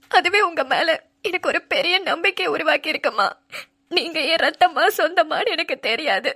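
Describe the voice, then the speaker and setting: A woman's voice: sits high, bright, forceful tone. A woman voicing a grateful middle-aged mother who pleads tearfully in a dramatic cartoon.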